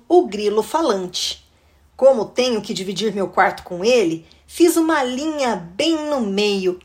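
A woman, reading a children's book aloud in a lively, animated way. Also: a little high. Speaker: storybook reader.

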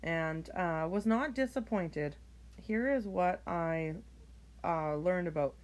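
Yawning and tired, a podcast host rambles through her late-night solo show, chatty and quick to poke fun at herself. She speaks slowly in a fairly low, expressive voice. The clip is recorded at home on a phone held up to her.

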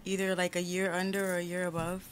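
A woman's voice: on the low side, flat delivery, fast talker, a little hiss or hum. A nineteen-year-old woman guest on a podcast, answering hesitantly with lots of "like" and "um". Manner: hesitant, filler-heavy. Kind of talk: casual podcast chat.

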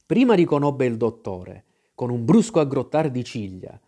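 A man's voice: mid-range voice, sing-song, normal speed, dark tone. A man reading an adventure story aloud in dramatic storytelling narration. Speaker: audiobook reader. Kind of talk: scripted narration.

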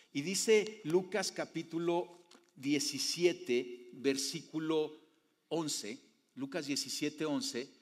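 A male pastor preaches in a high-pitched voice, his words trailing in the long reverb of a church hall. He drops to soft low phrases, then rises to loud emphatic ones, and keeps putting questions to his congregation. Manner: asks the audience frequent rhetorical questions. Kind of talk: sermon.

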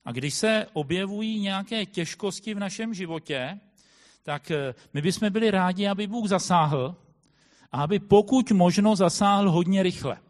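Hesitant preacher with a higher voice. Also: male voice. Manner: thoughtful, with frequent hesitant fillers. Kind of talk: sermon. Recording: long hall reverb.

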